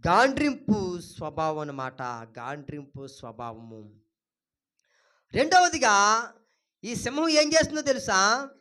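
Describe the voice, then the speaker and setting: A male pastor with a Telugu accent preaching a sermon, moving between loud exclamations and soft low asides.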